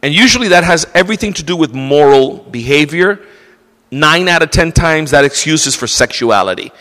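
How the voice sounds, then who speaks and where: A male pastor preaching a sermon, animated and acting out excuses in quoted voices, in a church. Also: on the high side, brisk, in a large hall.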